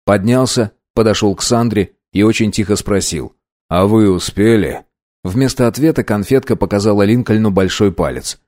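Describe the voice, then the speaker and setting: A man's voice: fairly low pitch, no room sound, clean studio sound. A man narrating an audiobook. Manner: even, measured storytelling.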